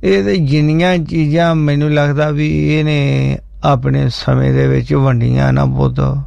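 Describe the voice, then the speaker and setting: Gravelly older man, folksy radio chat. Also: on the high side, level tone, unhurried, a little mellow, dry recording, dull audio. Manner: folksy, teasing storytelling. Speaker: radio show host.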